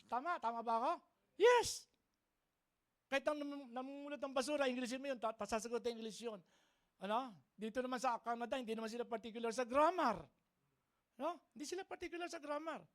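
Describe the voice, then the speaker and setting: A man's voice: very high voice, quick pace. A man preaching a sermon as a pastor, mixing Tagalog and English and often checking for the congregation's agreement. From Philippines. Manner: lively, keeps asking the congregation for agreement. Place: church service.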